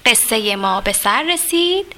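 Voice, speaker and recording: Brief: woman storyteller for kids, expressive, high and bright voice. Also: a little hiss or hum. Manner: expressive, addresses children directly. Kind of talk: children's storybook reading.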